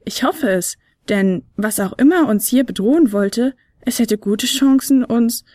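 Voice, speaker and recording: A small enchanted flute speaks in a bright, high, fretful voice, as a woman reading the story puts her on. She frets and exclaims with nervous excitement, like a storybook sidekick. The recording is dry and close, with no room around it. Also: no echo. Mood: anxious. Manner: high, excited, quick to worry. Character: Fionella, a small talking flute, female, nervous. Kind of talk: audiobook character voice.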